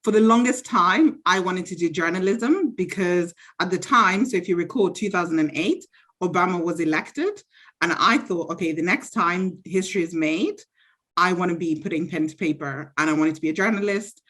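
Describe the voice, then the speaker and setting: A woman from Zambia, around thirty, gives casual interview answers. Her voice sits on the low side and she comes across as chatty and sure of herself, often pausing to reflect. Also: lively intonation, fairly bright tone. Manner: chatty, self-assured, reflective. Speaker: interviewee, university graduate.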